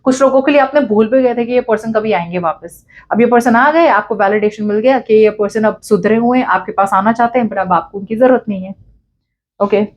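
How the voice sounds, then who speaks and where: Woman doing a casual tarot reading, slightly high voice, blunt and direct, switches between hindi and english. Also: brisk, lo-fi sound. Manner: acts out quoted lines to the listener. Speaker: tarot reader.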